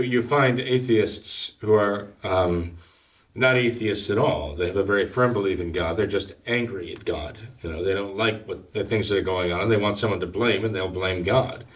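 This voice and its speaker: Low-voiced priest, a bit off-mic. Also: male voice. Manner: measured, hesitant, full of fillers and restarts. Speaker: priest and guest. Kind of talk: casual talk-show discussion. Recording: somewhat distant from the mic.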